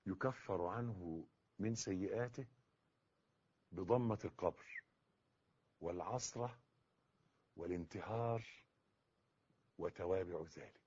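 A man with an Egyptian Arabic accent preaching a sermon, swinging between hushed passages and loud, emphatic ones. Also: sits low, takes it slowly, long pauses, slightly rough. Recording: dull lo-fi recording.

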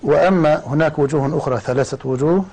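A man acting as the guest scholar, answering questions in a measured way and citing scripture and scholars. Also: a little high, mellow, rough recording. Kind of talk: scholarly explanation.

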